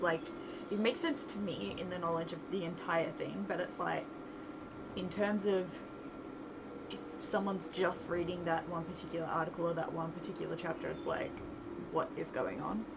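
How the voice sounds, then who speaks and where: A woman with a somewhat low voice, talking at an ordinary pace, hosts a casual livestream. She's a writer and game developer who thinks aloud as she works, rambling informally and cutting herself off often. The stream audio is very noisy.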